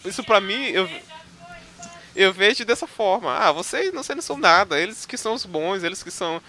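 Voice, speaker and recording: A man from Northeast Brazil, speaking with a Northeastern Brazilian Portuguese accent, hosts a casual podcast interview. His voice is high-pitched, expressive, pushed and bright, and he talks a little fast and animatedly, full of fillers and restarts.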